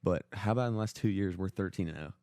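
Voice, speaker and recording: Low-pitched and warm, this man's voice comes fast, recorded dry with clean studio sound. He's a young American podcast co-host telling sports stories casually, full of slang and constant "like"s.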